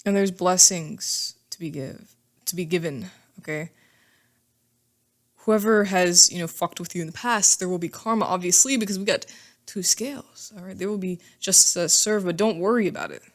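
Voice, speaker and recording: A woman with a somewhat low voice talks through a tarot reading in a casual, chatty way. She reassures her listeners and keeps tagging her points with quick check-ins. The delivery is informal and full of little asides. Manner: reassuring, ends many phrases with "okay?" and "all right?". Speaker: tarot reader. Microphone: microphone.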